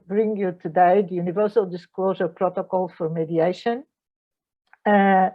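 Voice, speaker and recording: Through tinny, narrow audio comes a medium-pitched woman's voice. She is a middle-aged mediator and trainer from Portugal lecturing online in English as a second language, with a Portuguese accent, frequent hesitations and non-native phrasing.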